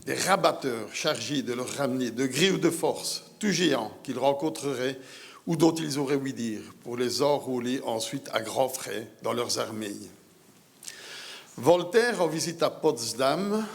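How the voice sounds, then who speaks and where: An older man giving a prepared medical conference talk in a measured, literary way. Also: mid-range voice. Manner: measured, literary phrasing, clear delivery. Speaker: medical lecturer.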